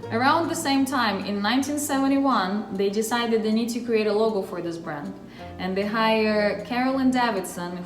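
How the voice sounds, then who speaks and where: A woman from Russia with a Russian accent, hosting her own channel and explaining a topic in a chatty, friendly way straight to the viewer. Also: mid-range voice. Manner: chatty, friendly direct address. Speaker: channel host. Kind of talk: casual explainer vlog. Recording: roomy echo with faint music.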